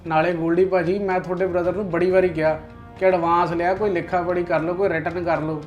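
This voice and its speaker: A man's voice: high voice, flat delivery, muffled recording, soft background music, close to an everyday voice. An actor playing an aggrieved businessman demanding his advance back, speaking insistently with a Punjabi accent. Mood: pleading. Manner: insistent, quick to anger. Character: aggrieved male businessman, hot-tempered creditor. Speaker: client owed an order. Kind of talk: web drama acting.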